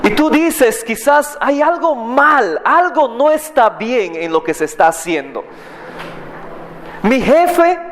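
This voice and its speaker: A male pastor preaching a sermon in a church, telling the story in an animated way and acting out voices. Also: very high-pitched, big-room sound, a little hiss or hum.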